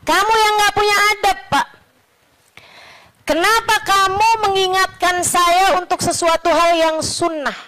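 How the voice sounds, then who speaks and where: A woman acting out an indignant elderly male sheikh who rebukes another man in rapid, heated retorts. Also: extremely high pitch, steady tone, pushed and bright, pitched above the performer's own voice, full character voice.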